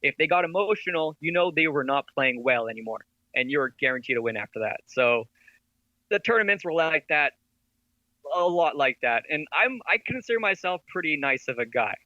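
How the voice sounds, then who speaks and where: A man guesting on a podcast as an esports veteran and company head, telling stories in an animated way and laughing often. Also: on the high side, moderate pace, dry recording, highs cut off. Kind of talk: casual podcast interview.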